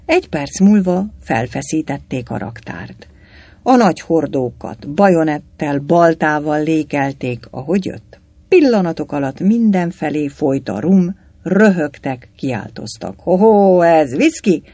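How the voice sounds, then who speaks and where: Gravelly male storyteller. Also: a little high, dry recording. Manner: dramatic, lively reading. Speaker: audiobook narrator. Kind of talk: storybook narration.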